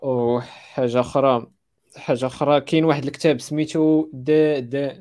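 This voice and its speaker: A man's voice: mid-range voice, fairly even intonation, normal speed, a little mellow, slight background noise. A man with a Moroccan accent in a casual talk, hesitating and repeating words as he searches, mixing in English and French terms. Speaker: panel participant sharing recommendations. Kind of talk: casual talk about design resources.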